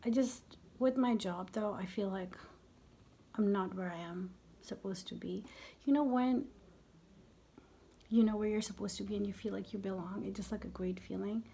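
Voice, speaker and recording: A woman's voice: medium pitch, normal speed, gravelly, mellow. A woman in her fifties chatting casually while doing her makeup. She speaks candidly, swears freely and often drops into half-whispered asides. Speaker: beauty vlogger.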